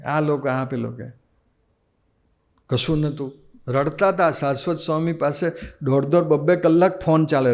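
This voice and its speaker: Gujarati-accented swami telling devotional stories. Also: male voice, on the high side, gravelly. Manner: animated storyteller acting out quoted dialogue. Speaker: swami giving a discourse. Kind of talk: devotional sermon with storytelling.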